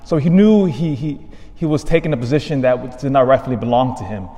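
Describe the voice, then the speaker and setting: A man's voice: mid-range voice, mellow. A male priest reading the Gospel and preaching at Mass in a large church, his voice carried by a cathedral echo. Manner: measured reading, then emphatic rising stresses. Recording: long reverb of a large church.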